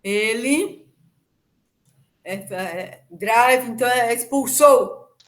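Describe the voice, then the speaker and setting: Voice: medium pitch, drawn-out words, fairly bright tone. A student answering questions in an English class, tentative and unsure.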